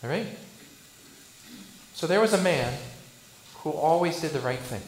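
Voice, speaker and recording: A male Lutheran pastor preaching a sermon. He asks rhetorical questions and swings between loud bursts and hushed lines. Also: fairly high pitch, expressive, measured pace, roomy sound, slight background noise, poor audio.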